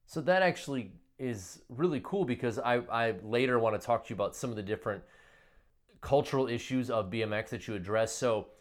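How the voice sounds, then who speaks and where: A man's voice: mid-range voice, fairly quick. A man with a Wisconsin accent hosting a casual podcast interview, chatting informally and swearing freely. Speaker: podcast host. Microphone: online video call.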